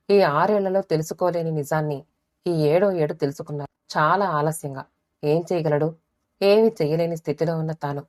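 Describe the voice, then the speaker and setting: A woman reads a family drama aloud in a steady audiobook manner. Her voice sits on the low side. She lightly voices the quoted characters without stepping out of the narration. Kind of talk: scripted narration of a family story.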